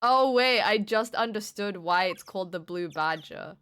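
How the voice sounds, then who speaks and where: A woman's voice: mid-range voice, animated, moderate pace, a bit bright, smooth. A woman chatting casually with friends as she streams a game, self-mocking in her manner. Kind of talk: casual gaming chat. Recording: music under the voice.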